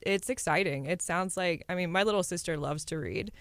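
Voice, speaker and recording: A woman's voice: lowish voice, a little fast, dry recording. A woman in her twenties with a Texan accent, chatting casually as a radio co-host, teasing and saying "like" a lot. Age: 20s. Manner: lively and teasing, says "like" often. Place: radio studio.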